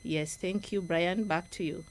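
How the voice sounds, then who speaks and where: Slow-speaking Kenyan woman on radio. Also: on the low side, steady tone. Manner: earnest, instructive. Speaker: guest speaker, project coordinator. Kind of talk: radio talk presentation. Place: radio studio.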